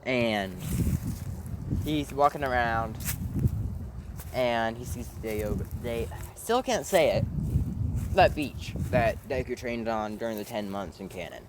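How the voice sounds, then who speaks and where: A man's voice: medium pitch, animated, takes it slowly, long pauses, noisy background. A man casually narrating a made-up fan story, rambling, with fillers and the odd swear word.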